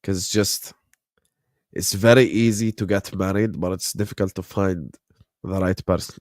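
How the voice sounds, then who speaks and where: A man's voice: deep voice, fairly even intonation, moderate pace, a little mellow, no room sound, clean studio sound. Laid-back young man chatting on a stream. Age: late 20s. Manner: slangy and laid-back, chuckles often, answers viewers directly. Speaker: live-stream watchalong host. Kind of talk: casual chat, reacting to a match and reading chat.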